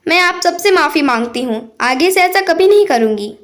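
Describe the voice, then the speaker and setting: A woman's voice: very high voice, lively intonation, normal speed. A woman voicing a sneaky young wife in a storybook tale who talks slyly and defensively. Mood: pleading. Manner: sly, defensive.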